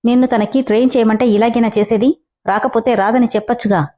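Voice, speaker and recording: A man's voice: very high-pitched, fairly even intonation, quick pace, a little mellow. A woman voicing a brash, arrogant young male company boss who talks in a commanding, taunting way, in a storybook reading.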